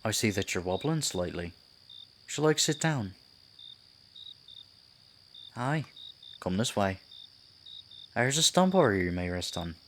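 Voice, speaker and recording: A man playing a sinister, silky Pied Piper in an ASMR roleplay, a theatrical storyteller who coaxes and condescends with deliberate delivery. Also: fairly low pitch, big pitch swings, fairly bright tone, slight background noise, full character voice. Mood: feigned concern, probing. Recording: night insects and forest ambience behind. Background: crickets, night forest ambience.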